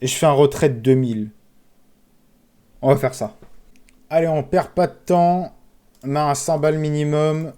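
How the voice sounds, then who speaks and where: A man streaming casino games, commentating live, excitable, pleading with the game and calling out sums. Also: a little high, moderate pace, long pauses.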